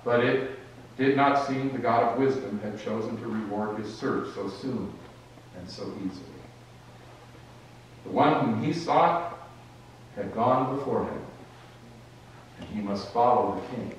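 A man's voice: medium pitch, a little hiss or hum. Man reading a story aloud in a church. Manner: measured, expressive storytelling with brief restarts. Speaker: reader in a worship service. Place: rural church sanctuary. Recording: echoey church from a distance.

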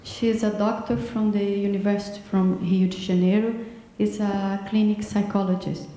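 A woman interprets live in a large hall, speaking hesitantly and with many fillers into a handheld mic. Her medium-pitched voice is mellow, level in tone and at a normal speed. The echoey hall gives a long reverb, and there's a little hiss or hum.

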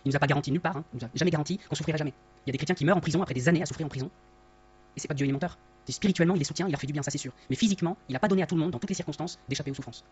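A man giving an earnest, conversational Bible study talk, often rephrasing himself, his voice masked by voice-disguising software on a dull, lo-fi recording. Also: on the high side, rapid-fire, slightly rough. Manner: earnest, rephrases often, tags lines with "hein". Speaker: Bible teacher. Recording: dull lo-fi sound.

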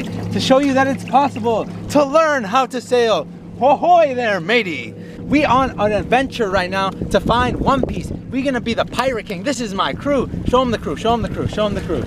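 Hyped young man vlogging on a boat. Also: sits high. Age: young adult. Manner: energetic, hyped, slangy. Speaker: vlogger host. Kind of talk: motivational vlog talk. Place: small sailboat on open water outdoors. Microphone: camera held at arm's length. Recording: wind and water noise outdoors. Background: wind and water.

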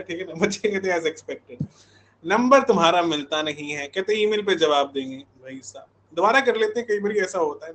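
The voice sits high with a fairly bright tone, and there's slight background noise. It's an Indian man in his thirties teaching an online coaching session, chatting informally with his live class and checking in often with repeated tags.

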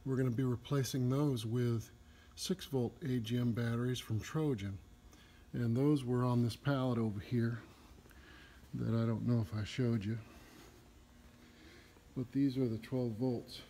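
A man with a Southern US accent and a dark, steady, medium-pitched voice narrates a casual walkthrough of a large indoor RV repair shop, explaining the technical work plainly with some fillers. He speaks at a measured pace with long pauses, and a slight hiss or hum is audible.

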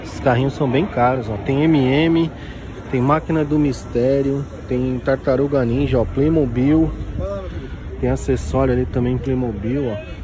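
A Brazilian toy collector vlogger with a Brazilian Portuguese accent films a casual walkthrough of an outdoor flea market on a handheld phone, excitedly pointing things out. His voice is medium-pitched at normal speed, amid busy crowd chatter and traffic noise.

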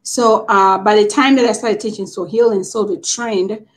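A woman's voice: mid-range voice, fairly even intonation, normal speed. A middle-aged woman from Tanzania, a teacher, answering interview questions over a video call in a friendly, easygoing way. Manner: friendly, easy laughs, many you-knows. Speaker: guest, teacher.

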